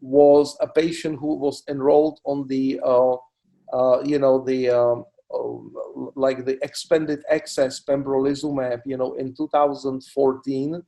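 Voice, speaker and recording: A middle-aged man from the Republic, a cancer doctor answering interview questions in a halting way, full of "you know" fillers. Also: medium pitch, level tone, creaky, warm tone. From Czech Republic. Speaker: oncologist guest. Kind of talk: expert interview.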